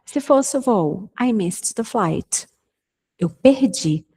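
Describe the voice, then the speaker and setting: A woman's voice: on the high side, lively intonation, slow pace, warm tone, breathy edge. A young Brazilian woman teaching English in a casual online lesson, patiently explaining and repeating examples. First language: Portuguese.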